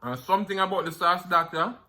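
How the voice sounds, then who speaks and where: A Jamaican-accented man hosts a mukbang, chatting casually while he eats crunchy fried chicken and lets out savoring "mms" between bites. His voice is high-pitched, quick, bright and forceful.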